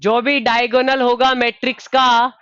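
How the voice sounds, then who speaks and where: A man with a high, smooth voice teaches a live online engineering class, calling on students by name and addressing them as dear. He keeps his delivery steady and even in pitch, and patiently repeats his questions. The sound is dry and a little dull, lo-fi. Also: a little slow, no room sound. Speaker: online exam tutor.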